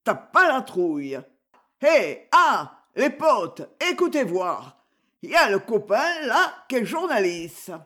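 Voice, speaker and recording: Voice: mid-range voice, big pitch swings, measured pace, sharp tone, voice pushed up, heavily acted. A reader voicing a man who fakes being drunk, slurring, stammering and hiccuping. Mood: boisterous drunk.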